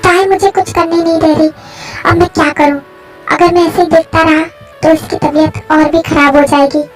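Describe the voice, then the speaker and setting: A woman's voice: very high-pitched, level tone, moderate pace, soft background music. A woman voicing an anxious young man. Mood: insistent. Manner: pleading, fretful. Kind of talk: fan story voice acting.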